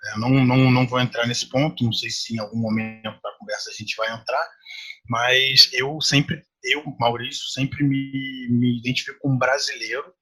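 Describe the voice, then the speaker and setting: A man from Brazil, a podcast guest, speaking in a measured, thoughtful way and often rephrasing himself. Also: mid-range voice, steady tone, sharp tone, slightly rough. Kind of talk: reflective conversation.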